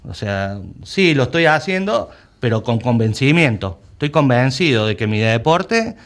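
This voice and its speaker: A man's voice: medium pitch, big pitch swings, moderate pace. A man from Argentina with an Argentine Spanish accent, the president of a rugby club, talking emphatically in an interview and often repeating words while he searches for them. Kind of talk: conversational interview.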